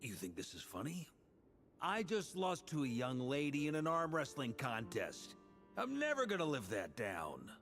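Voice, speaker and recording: A hearty middle-aged warrior from a video game. His delivery swings widely in pitch, boastful and comically rueful. Music plays clearly behind him. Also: normal speed. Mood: wounded pride. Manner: expressive, rueful, comic grumbling. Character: hearty boastful hard-drinking middle-aged warrior man, good-humoured. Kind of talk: English video game voice acting.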